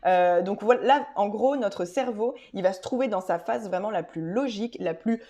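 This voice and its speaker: Talking straight to her audience in a casual explanatory video, this vlogger uses a medium pitch, a dark tone, and a moderate pace. She's chatty and informal, hesitating, restarting, and drifting off on side paths, and the audio is muffled.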